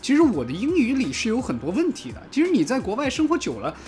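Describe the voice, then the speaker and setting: A man from China talking casually in a vlog as a car reviewer, chatty and lively, with a raised voice when he mimics what commenters said and some casual swearing. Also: very high voice, fast, faint music behind.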